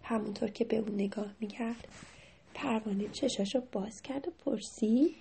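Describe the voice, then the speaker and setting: A woman telling a children's story in a gentle storybook manner. Her voice sits fairly high with a touch of gravel and a mellow tone, and she sometimes sinks into a soft whisper. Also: slight background noise.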